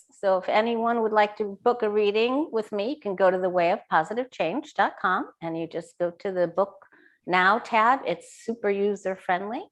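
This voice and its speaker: A woman guest in a casual tarot chat, friendly and quick to laugh as she talks about her readings. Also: mid-range voice, fairly bright tone.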